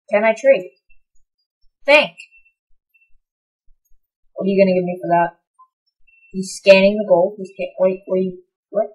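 A young woman giving casual, excitable commentary on her own gameplay, sometimes breaking into high, delighted shouts. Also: low-quality recording. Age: young adult. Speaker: gaming channel host.

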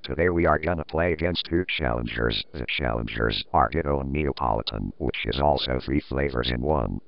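A man introducing a gameplay video with his voice pitch-shifted very deep by an effect. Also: normal speed, gravelly, no echo, lo-fi sound. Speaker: gaming video host. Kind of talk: casual gameplay commentary.

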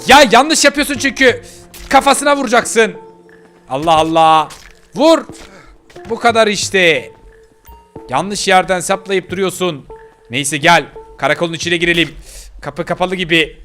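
A man's voice: high voice, measured pace, pauses often, pushed and bright, faint music behind. A man voicing a brave, determined young girl in a game role-play, bossy and urgent as she scolds her companion. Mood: tense.

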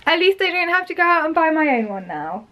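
A teenage girl with a British accent talks to her handheld camera at home in a high voice. She is excitable and gushing in a casual vlog chat. A faint hiss sits under the recording. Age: teens. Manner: excitable, gushing, quick to squeal with delight. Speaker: vlogger. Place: at home, bedroom and desk.

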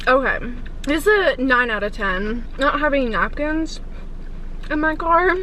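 A woman's voice: high voice, expressive, measured pace, pushed and bright, slight background noise, low-quality recording. A woman vlogger chatting casually to the camera from inside her car, chewing food while she talks. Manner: chatty, rambling, lots of fillers. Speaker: mukbang vlogger.

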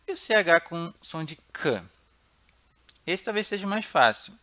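A man from Brazil with a Brazilian Portuguese accent, teaching pronunciation slowly, repeating words and checking in with the viewer. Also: on the high side, very animated, sharp tone, no echo. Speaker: German teacher. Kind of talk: pronunciation lesson.

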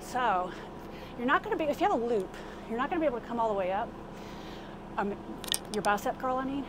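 A woman's voice: a little high, lively intonation, fast. A middle-aged woman giving a casual, informal workout demonstration as a fitness instructor while she exercises, recorded inside a small RV from a few steps away. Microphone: camera a few steps away. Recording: clearly noisy vehicle interior sound.

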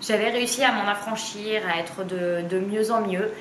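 A woman in her late twenties confides in a home vlog, pausing often and filling gaps as she goes. The camera sits a few steps back in a bright, echoey room. A faint room ambience hums underneath. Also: medium pitch, slight background noise. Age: 20s. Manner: hesitant, many fillers, speaks openly and gestures. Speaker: sewing vlogger. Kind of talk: candid personal vlog. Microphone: camera a few steps away. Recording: roomy, slightly distant, faint ambience.

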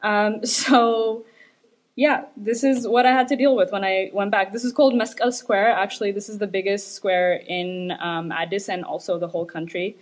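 A young Ethiopian graduate student gives an academic presentation in a steady, medium-pitched voice at a moderate pace. She sounds hesitant, using many fillers and pauses, and laughs lightly now and then.

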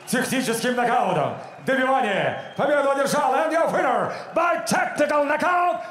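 A man working as a ring announcer, calling out formal fight introductions in a booming fighting-game announcer style with drawn-out names. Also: animated, fairly bright tone, a little hiss or hum. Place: large indoor fight arena, in the cage. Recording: echoing arena PA sound.

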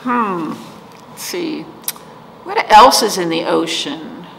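A middle-aged woman leads storytime for young children, talking and explaining slowly and expressively in a lowish voice while often asking them questions. It's recorded in an echoey library room with a decorated wall, and background noise is clearly audible.

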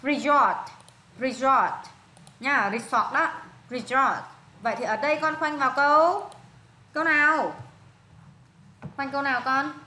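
A woman's voice: high-pitched, normal speed, pauses often, sharp tone, echoey room. A woman with a Vietnamese accent tutoring a student one-on-one in English pronunciation, patiently repeating words and prompting answers.

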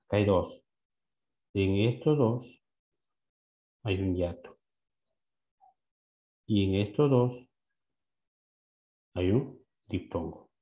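A man teaching a class, his voice fairly low and mellow. He keeps asking questions, checks each answer and repeats the words slowly. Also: lively intonation. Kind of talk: classroom lesson.

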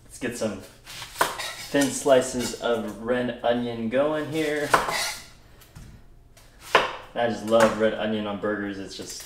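A man's voice: medium pitch, slow, pauses often, very noisy. A young man hosting a home cooking tutorial, upbeat and enthusiastic as he talks through each step in his kitchen. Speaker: cooking show host. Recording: roomy kitchen with background music.

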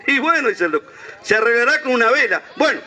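A man's voice: very high voice, very animated, quick pace, noisy background. A man with a Uruguayan accent telling jokes on an outdoor stage, chatting with the audience and acting out the dialogue. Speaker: stand-up comedian.

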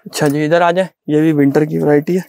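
A middle-aged man with a Pakistani Urdu accent, a shopkeeper giving a sales pitch in a small clothing shop, repeating himself insistently as he shows coats. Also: flat delivery, fast talker, creaky, warm tone, slight background noise. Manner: repetitive, insistent salesman patter.

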